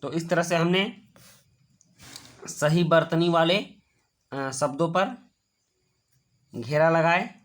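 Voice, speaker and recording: Patient male teacher explaining a worksheet. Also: a little high. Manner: patient, explaining step by step, repeating words slowly. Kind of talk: worksheet lesson for children.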